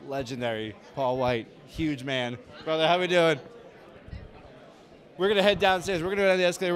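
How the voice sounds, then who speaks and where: A man in his thirties hosting a casual walking tour of a convention hall, joking and self-deprecating, talking into a handheld mic. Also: high-pitched. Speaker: host. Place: large convention hall indoors.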